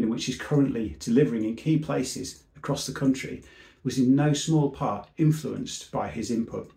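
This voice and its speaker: A civil servant gives an earnest, measured seminar talk, letting each phrase trail off. His mid-range voice is gravelly yet mellow and sounds reverberant.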